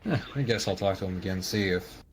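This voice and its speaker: A man talking hesitantly and softly in character during an online roleplay. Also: low voice, fast, poor audio.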